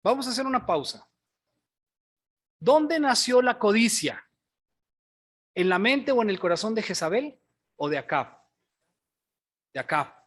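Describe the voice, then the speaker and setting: High-voiced male pastor preaching. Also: big pitch swings, measured pace, long pauses, a bit bright, breathy edge. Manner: storytelling, asks the congregation questions, says "hermanos" often. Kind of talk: sermon.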